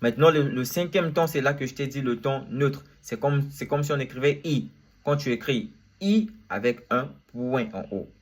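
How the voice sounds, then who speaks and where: A man's voice: mid-range voice, normal speed. A man giving an informal lesson, speaking directly to the viewer, repeating points over and over and mixing in short English phrases. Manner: repetitive, addresses viewer as tu, demonstrates tones aloud. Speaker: Chinese language teacher.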